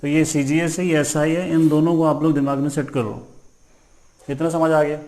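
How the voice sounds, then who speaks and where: A man's voice: fairly high pitch, steady tone, moderate pace, darkish tone. A male physics teacher giving a classroom lecture in Hindi mixed with English terms, speaking English with an Indian accent and answering his own questions.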